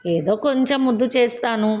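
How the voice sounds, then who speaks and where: A woman's voice: a little high, lively intonation, fairly quick, a little mellow, close to an everyday voice. A woman voicing a flustered young man in a family story, pleading anxiously.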